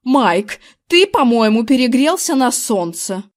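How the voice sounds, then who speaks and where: A woman's voice: a little high, expressive, moderate pace, close to an everyday voice. A woman playing a bossy scolding wife. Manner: scolding, emphatic. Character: bossy middle-aged wife, scolding and impatient. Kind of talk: audiobook character voice.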